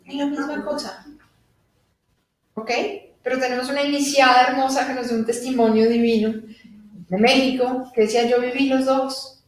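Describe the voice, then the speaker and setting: A woman giving a live spiritual talk to an audience, animated and laughing as she acts out little dialogues. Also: sits high, normal speed, pauses often. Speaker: spiritual teacher. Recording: echoey room from a distant mic.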